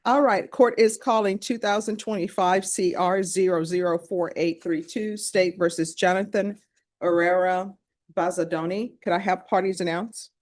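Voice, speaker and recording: Low-voiced woman judge in court. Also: steady tone, a little mellow. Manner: formal, brisk legal recitation. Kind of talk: courtroom proceedings.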